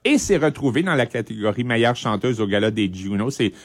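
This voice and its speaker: A middle-aged man with a Quebec French accent presents a music segment on the radio, informative and conversational though somewhat halting. His mid-range voice is expressive with a breathy edge, and there's no echo.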